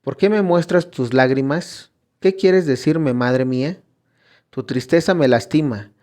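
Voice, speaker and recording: Man reading a scared young visionary girl, slow and pleading, storybook narration. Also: medium pitch, a little mellow, lightly acted.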